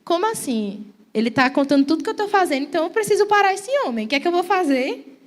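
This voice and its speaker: A woman voicing a frustrated king who fires off rapid, exasperated questions. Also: extremely high pitch, lively intonation, voice pushed up.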